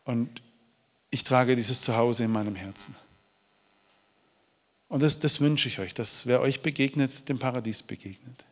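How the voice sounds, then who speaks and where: Heartfelt male preacher in a reverberant hall. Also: medium pitch. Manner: heartfelt, pleading, with frequent restarts and stammered repeats. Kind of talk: emotional testimony and preaching.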